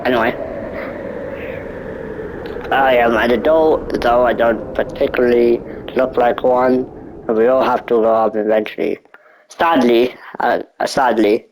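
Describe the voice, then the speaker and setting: A man's voice: mid-range voice, a little mellow, rough recording. A nineteen-year-old man reading a visual novel aloud, stumbling over words and breaking off for joking asides. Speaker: gaming YouTuber.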